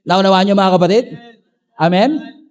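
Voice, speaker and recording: A middle-aged man with a Filipino accent, preaching a sermon as a pastor, telling stories with emphatic highs and quiet low asides. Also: moderate pace, clear, resonant tone. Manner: animated storytelling, swings between emphatic highs and low asides.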